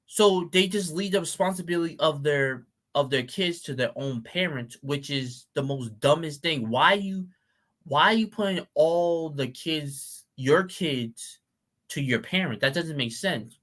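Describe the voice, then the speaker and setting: A man's voice: on the high side, lively intonation, a little slow, fairly bright tone. A man on a live-stream panel, ranting in a blunt, crude and scolding way, with mocking asides.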